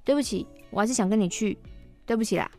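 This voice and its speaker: A woman's voice: mid-range voice, fast, darkish tone, soft background music. A woman co-host with a Taiwanese Mandarin accent reading a listener's letter aloud, acting out the quoted lines with animation. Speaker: podcast co-host.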